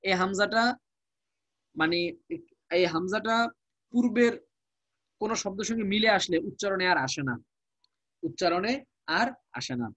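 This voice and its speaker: High-voiced Bengali man teaching slowly. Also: a bit bright, no echo. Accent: Bangladeshi Bengali. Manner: explains slowly, repeating and translating word by word. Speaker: Quranic Arabic teacher. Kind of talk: live online class explaining grammar.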